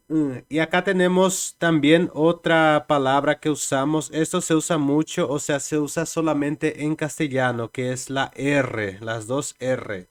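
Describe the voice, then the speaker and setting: Slow, patient male language teacher. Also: on the high side. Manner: patient, repeats letters and sounds aloud. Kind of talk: slow explanatory online lesson.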